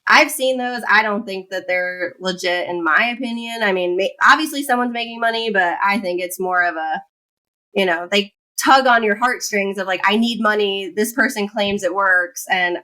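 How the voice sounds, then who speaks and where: A woman's voice: mid-range voice, normal speed, sharp tone. A woman in her thirties, a guest on a podcast, chatting casually with many fillers and frequent "in my opinion". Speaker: guest, finance founder.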